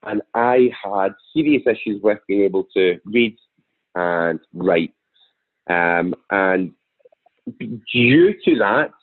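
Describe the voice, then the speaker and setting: A thirty-year-old man with a broad Scottish accent from Glasgow, talking conversationally as a podcast guest. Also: lowish voice. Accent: broad Glaswegian Scottish. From Glasgow, Scotland. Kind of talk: conversational interview, telling own story. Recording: thin, phone-like remote call audio.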